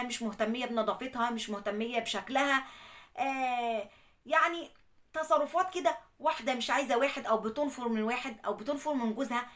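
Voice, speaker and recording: A woman with an Egyptian Arabic accent narrates a viewer's personal story as the show's host. Her voice sits high and the words come quickly. She keeps the telling lively by voicing what each person said. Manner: animated retelling with quoted dialogue. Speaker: host retelling a viewer's problem. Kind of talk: storytelling monologue.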